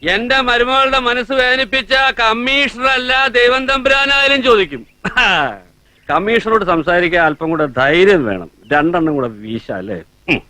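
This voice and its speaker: Casting note: a drunk older uncle, sharp and high, all bluster. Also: male voice, animated, a little slow, dry recording, exaggerated voice. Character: tipsy older man, blustering father-in-law.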